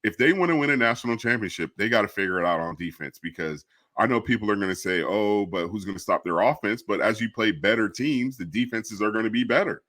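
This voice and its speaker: A man with a low voice gives his opinions on the game bluntly and calls things as he sees them. His voice is close to the mic and dry, with no echo. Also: animated, quick pace, sharp tone. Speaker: co-host. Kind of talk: casual sports talk.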